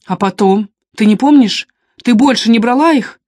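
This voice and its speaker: A woman reading a calm questioning man. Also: fairly high pitch, moderate pace, dry recording, clean studio sound, lightly acted. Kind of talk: audiobook character reading.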